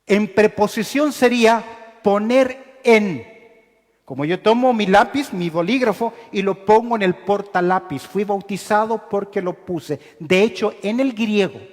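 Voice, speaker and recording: A male pastor with a notably high voice preaches in an emphatic, teaching way. He keeps pausing on rhetorical questions for the congregation to finish. His voice rings through a church hall with a long reverb tail. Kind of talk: sermon. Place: church sanctuary with baptistery.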